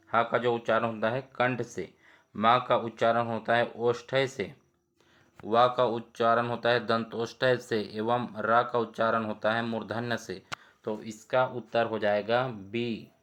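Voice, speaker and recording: A man's voice: fairly low pitch, a bit bright. A man teaching as he reads quiz questions and options aloud and explains each answer step by step. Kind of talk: exam quiz lesson.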